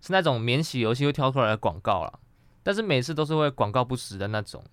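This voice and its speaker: A man's voice: medium pitch, expressive, quick pace, clear, resonant tone, no echo. A young adult man with a Taiwanese Mandarin accent, co-hosting a podcast in casual chat. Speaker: podcast co-host. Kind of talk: casual chat about anime and pop culture.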